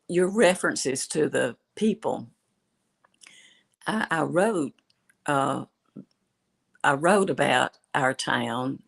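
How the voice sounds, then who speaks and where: An older woman with a Southern accent chats as a novelist guest on a video call, telling her stories in a relaxed way. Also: low voice, gravelly, breathy edge. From West Tennessee. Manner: chatty storyteller. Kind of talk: casual chat.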